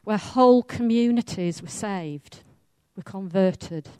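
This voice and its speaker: A woman from Wales with a Welsh accent, preaching a sermon in a chatty, self-mocking and lively way. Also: medium pitch, slow, clear, resonant tone, no room sound.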